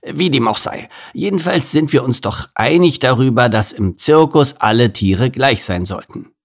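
A man's voice: medium pitch, lively intonation, normal speed, pitched above the performer's own voice. A man reading a storybook and voicing a grumbling, overworked male circus gorilla who thinks himself an artist. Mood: pompous. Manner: grumbling, complaining, pompous when speechifying.

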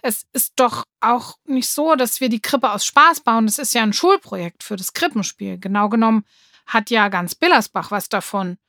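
A woman voicing a clever schoolgirl in a children's story, coaxing and persuasive. Slightly high, dry and close. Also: moderate pace, a bit bright, dry recording.

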